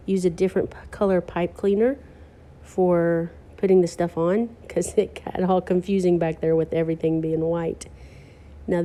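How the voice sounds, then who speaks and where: Hosting a craft video, a woman with a lowish, mellow voice sounds congested from allergies. She keeps things chatty, pokes fun at her own mistakes, and enthuses about textures.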